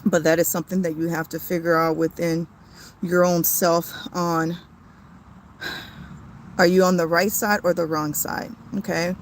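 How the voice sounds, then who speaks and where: A woman in her thirties on a livestream, tearful and halting, with many fillers and restarts. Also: lowish voice, flat delivery, slight background noise. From came to the US as a child. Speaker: family channel host. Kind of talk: emotional livestream talk.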